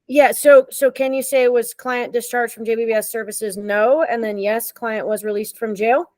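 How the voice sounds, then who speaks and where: A woman running an online meeting in a casual, friendly way, pausing often with ums, heard over a video call. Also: fairly high pitch, no echo. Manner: friendly, relaxed, with frequent ums. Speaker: meeting facilitator.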